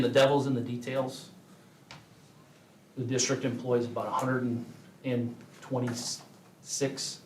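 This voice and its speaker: A man's voice: mid-range voice, a little hiss or hum. Man explaining budget details in an echoey room. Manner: measured and explanatory, with frequent filler pauses. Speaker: school administrator reporting to a board. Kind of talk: meeting report. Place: school board meeting room. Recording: echoey meeting room, voice from far off.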